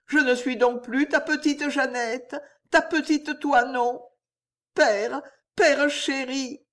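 A man's voice: very high-pitched, expressive, very slow, gravelly, pushed and bright, voice pushed up, full character voice. A man voicing an overwhelmed young woman in an audiobook, with a raised, tearful, pleading voice. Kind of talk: audiobook character voice.

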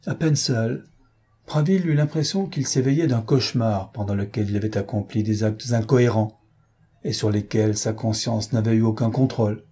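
A man narrating an audiobook in a measured, plain storytelling manner. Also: on the low side, mellow, breathy edge.

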